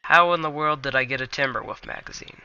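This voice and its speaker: A man's voice: mid-range voice, creaky, sharp tone, highs cut off, a little hiss or hum. A young man hosting a casual game tutorial, rambling and correcting himself as he goes. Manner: slow, rambling, self-correcting. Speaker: gaming tutorial host.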